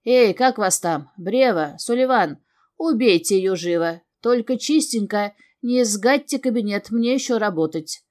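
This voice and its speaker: A woman voicing a gruff old male guild master who shouts and threatens. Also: mid-range voice, animated, a little slow, natural voice. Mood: coldly commanding. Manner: shouting, menacing. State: short of breath.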